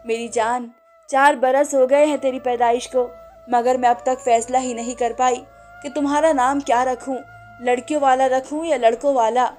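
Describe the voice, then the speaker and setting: A gentle sorrowful mother, voiced by a woman narrator. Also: high voice, fairly even intonation, normal speed, faint music behind, close to an everyday voice. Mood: tender.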